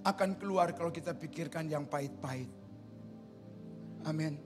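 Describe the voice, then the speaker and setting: A male pastor preaching a lively, joking sermon in a church, acting out stories with sudden shouts. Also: high voice, moderate pace, music in the background. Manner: animated, jokey storytelling with sudden shouts and voices. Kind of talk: lively sermon with acted-out anecdotes. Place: church sanctuary.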